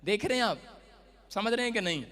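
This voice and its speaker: A man preaching a fervent sermon, moving between quiet storytelling and loud shouting, calling on the audience to respond. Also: high voice, expressive, brisk.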